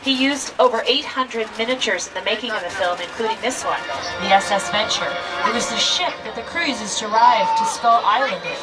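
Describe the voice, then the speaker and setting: A woman tram tour guide giving an upbeat, playful scripted narration to riders, heard through an outdoor tram loudspeaker. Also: a little high, a little fast, over music. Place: open-air studio tour tram. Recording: distant outdoor loudspeaker with crowd and vehicle noise.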